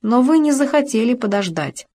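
A woman's voice: on the high side, animated, normal speed, dark tone, pitched above the performer's own voice. A woman voicing a proud young noblewoman in an audiobook, reading her lines in an earnest, reproachful manner.

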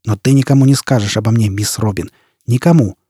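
A man's voice: on the low side, brisk, warm tone, slightly rough, dry recording, clean studio sound. A man playing a scarred, menacing, vengeful man who speaks in a curt, growling, threatening way. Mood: obsessed, fierce.

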